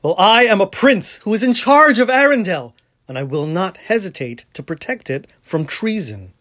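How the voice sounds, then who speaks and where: A man's voice: high voice, animated, normal speed, a bit bright, voice pushed up. A man voicing a proud young prince who speaks in a formal, commanding way. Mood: stern.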